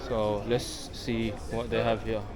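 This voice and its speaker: With a lowish, flat voice and a slightly slow pace, a London-accented travel vlogger casually addresses his viewers as guys while strolling through an outdoor bazaar's shops. Loud music plays behind him, along with the bustle of the street and bazaar crowd.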